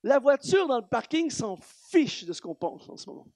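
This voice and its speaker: A man from Canada with a Canadian French accent, preaching an animated sermon in a church, building to emphatic rhetorical questions. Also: very high-pitched, normal speed, dry recording. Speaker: guest preacher. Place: church hall.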